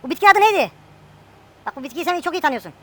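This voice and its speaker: A woman's voice: extremely high pitch, lively intonation, fast talker, pushed and bright. A woman chatting casually and joking with a friend while playing a farming game. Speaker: gameplay streamer.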